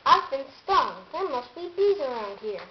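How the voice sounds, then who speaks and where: Woman playing a high, excitable cartoon duck, hot-tempered and loud, storybook reading in a roomy room. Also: a little fast, natural voice. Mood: startled. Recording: roomy, dull, noisy home recording.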